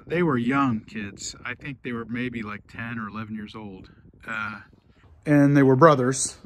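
A man in his forties telling a story in a casual vlog, rambling and chatty with lots of fillers, filming himself with a phone at arm's length inside a big empty old factory. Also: mid-range voice. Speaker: vlogger renovating an old building. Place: large empty old factory floor, indoors. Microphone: phone held at arm's length.

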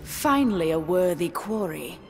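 A woman's voice: on the low side, lively intonation, normal speed, faint music behind. A woman playing a haughty cheetah-woman villain, a savage huntress with a purring menace, in a video game. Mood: predatory, haughty.

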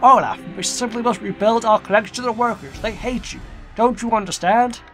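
A worried adviser pleads urgently with his boss in a raised, strained voice, as a man puts him on. The delivery is pressing and earnest. Game music runs clearly underneath. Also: sits high, fairly quick, sharp tone, pitched above the performer's own voice. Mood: urgent pleading.

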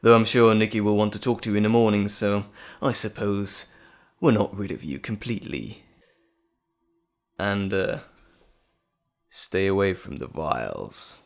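With a lowish voice, a man plays a menacing, teasing monstrous alter ego in a dramatic audio roleplay, drawling theatrically and mockingly with dramatic pauses. His mood is mocking and condescending.

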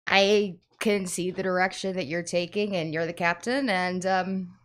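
Teasing woman co-host, lower voice. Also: steady tone, unhurried. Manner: teasing, laughing, playful. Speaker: co-host, shop partner. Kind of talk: casual chat. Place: screen printing shop.

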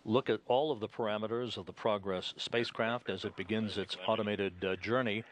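A man giving live spaceflight broadcast commentary as a mission control commentator, in a measured, halting official delivery. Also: lowish voice, steady tone.

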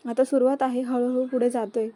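A woman's voice: high-pitched, level tone, brisk, dark tone. A woman voicing a cheerful, newly married young woman chatting with her friend in a storybook reading.

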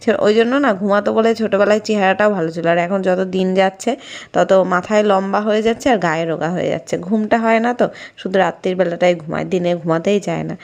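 A middle-aged woman vlogs casually from her home kitchen and bedroom on a phone camera, rambling with plenty of fillers. She speaks fast in a mid-range voice with a darkish tone.

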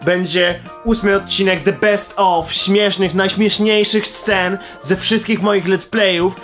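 A sarcastic, crude young man answering viewer questions in a comedic vlog, deadpan. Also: sits high, slow. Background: music.

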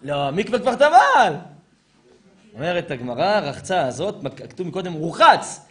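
A male rabbi preaching in a high, lively voice that swings widely in pitch. He fires rhetorical questions at his listeners and answers them himself, sometimes climbing to a shout. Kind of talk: lively sermon to a live audience.

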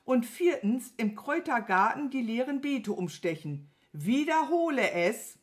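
A woman reading a children's story aloud, voicing an irritable, bossy male wizard who scolds and shouts impatiently. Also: on the high side, sing-song, a little slow, voice pushed up. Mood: commanding. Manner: impatient, scolding, raised and strained. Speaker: kindergarten teacher.

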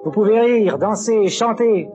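A man's voice: quick pace, muffled recording, lightly acted. A man voicing a serious, hardworking young pig in a storybook record with music. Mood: warning. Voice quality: high, raised, earnest.

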